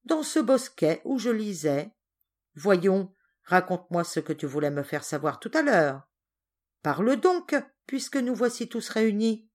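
A woman voicing a stern but fair father who speaks in a measured, grave, reproachful way. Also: mid-range voice, very animated, darkish tone.

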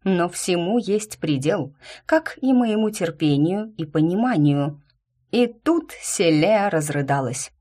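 A woman narrating a first-person fantasy novel in an even, storytelling way. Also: lowish voice, takes it slowly. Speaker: audiobook narrator.

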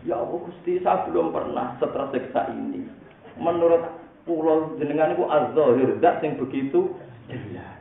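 A man's voice: on the low side, fairly even intonation, fast talker, hardly any pauses, lightly acted. A man voicing a devout old Sufi woman who pleads to God in tears, incredulous. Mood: tearful pleading. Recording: echoey phone-like recording, faint noise.

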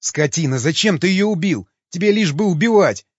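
Man doing a desperate young guy yelling and pleading, raised voice, dull sound. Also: on the high side, big pitch swings, normal speed, breathy edge, dry recording. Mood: desperate angry. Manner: pleading, shouting.

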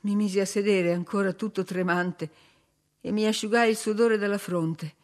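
A woman reading a novel aloud as audiobook narrator, in measured, dramatic storytelling. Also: mid-range voice, fairly even intonation. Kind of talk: expressive literary narration.

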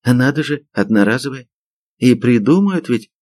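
Guy doing a puffed up blustering army major, loud and huffy, dry sound. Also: medium pitch, animated, normal speed, dry recording, pitched above the performer's own voice, close to an everyday voice. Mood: indignant blustering. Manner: huffy, indignant. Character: pompous plump male major, indignant and blustering.

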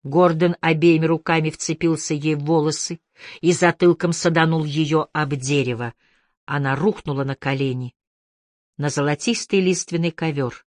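A woman narrating a literary audiobook in a measured, expressive way. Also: deep voice, no echo, studio quality.

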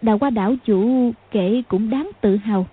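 A woman narrating a martial arts novel as an audiobook, with a steady, measured reading. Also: on the high side, slightly rough. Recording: phone-like lo-fi sound.

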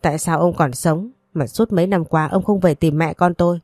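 A woman's voice: lowish voice, brisk, darkish tone, dry recording, clean studio sound, natural voice. A woman voicing a shocked middle-aged wife in a storybook reading, stammering and accusing. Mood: stunned.

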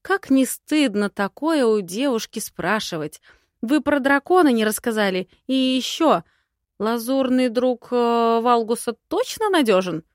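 A woman reading an audiobook and voicing a cheeky, sharp-tongued young woman who talks in a brash, teasing way. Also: on the high side, lively intonation, a little slow, dry recording, studio quality, voice pushed up. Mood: indignant. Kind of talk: audiobook character voice.

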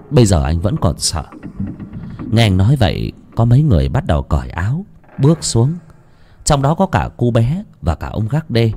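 A man narrating a horror story in a dramatic, expressive way. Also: mid-range voice, a little hiss or hum.

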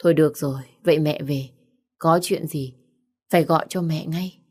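A woman's voice: deep voice, steady tone, normal speed, a little mellow. A woman voicing a worried middle-aged mother who speaks anxiously and insistently.

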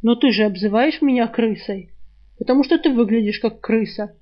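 A mocking, spiteful talking rat from a storybook, forever needling the girl who carries him, put on by a woman reading the book aloud. The voice sits fairly high. The recording sounds dull and lo-fi. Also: natural voice. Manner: mocking, spiteful, quick with insults. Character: sly sharp-tongued male talking rat, sick and bound.

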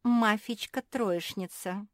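A woman voicing a sharp-tongued, scolding schoolgirl in a storybook reading, with a sarcastic manner. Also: mid-range voice, animated, moderate pace, no echo, clean studio sound, voice pushed up, lightly acted.

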